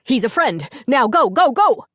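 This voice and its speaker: A woman's voice: sits high, big pitch swings, unhurried, a bit bright, dry recording, clean studio sound, pitched above the performer's own voice, heavily acted. A woman voicing a protective male blacksmith and father who gives urgent orders in a storybook reading.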